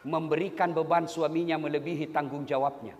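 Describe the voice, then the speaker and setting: High-voiced comic preacher in a hall. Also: male voice, a little fast, dull audio. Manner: animated, bantering, swings from quiet asides to shouted punchlines. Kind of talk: comic sermon. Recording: hall reverb, faint background ambience.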